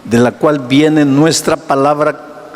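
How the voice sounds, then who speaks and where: High-pitched preaching pastor in a hall. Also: male voice, fairly even intonation, slow. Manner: preaching with sweeping swings between hushed and raised delivery; asks the listener direct questions and answers them. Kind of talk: sermon.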